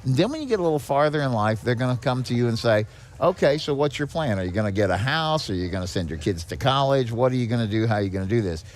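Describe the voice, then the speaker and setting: As a podcast guest, this executive director of a seniors nonprofit talks quickly in an expressive, medium-pitched voice. He keeps things conversational, explaining with rhetorical questions and checking in frequently.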